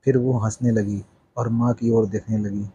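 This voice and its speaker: A man narrating a family story in the first person with a steady, even delivery. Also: fairly low pitch, moderate pace, lo-fi sound, slight background noise.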